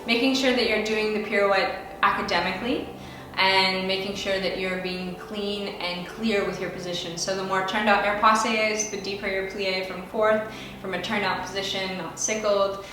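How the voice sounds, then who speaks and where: A young American woman who dances ballet answers viewer questions in a casual Q and A vlog, chatty and upbeat, with frequent "like" and "you know". Her voice is medium-pitched, captured by a distant mic in a very echoey room with music behind and a noisy background.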